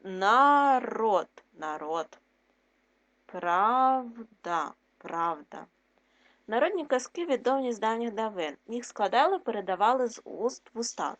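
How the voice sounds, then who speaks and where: A woman teacher giving a recorded reading lesson for young children. She gives clear, patient explanations and asks her pupils questions. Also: fairly high pitch. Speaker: primary school teacher.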